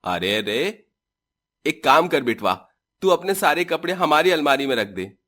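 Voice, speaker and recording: A man's voice: a little high, very animated, unhurried, bright, forceful tone, heavily acted. A man voicing an easygoing, simple village husband in a cartoon story, with a chuckling manner. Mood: soothing.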